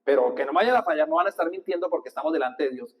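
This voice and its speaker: A male priest giving a lively sermon with a handheld mic, coaching the congregation to repeat verses and gestures. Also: on the high side, racing, rough recording. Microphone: handheld microphone.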